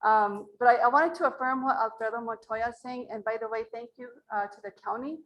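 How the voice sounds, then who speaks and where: At a community meeting in a library meeting room, a woman from Mora, New Mexico, speaks earnestly and plainly as an acequia representative. Her voice is low and a bit bright, her pace a little fast, and the recording is low quality.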